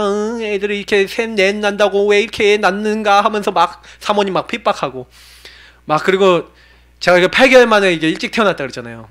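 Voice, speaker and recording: A man in his forties, a pastor preaching a sermon with animated urging and low, confiding asides.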